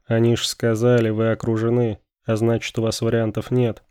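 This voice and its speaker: A man's voice: mid-range voice, monotone, normal speed, dark tone, smooth, no echo, studio quality, lightly acted. A man voicing a cornered male hostage who talks in a sardonic, smirking way.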